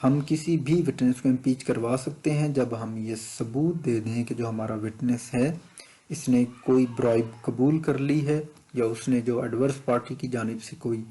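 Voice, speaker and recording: Speaking in a mellow, mid-range voice at a moderate pace, a Pakistani-accented exam tutor goes through questions methodically. He reads each one aloud and explains the answer, moving back and forth between two languages.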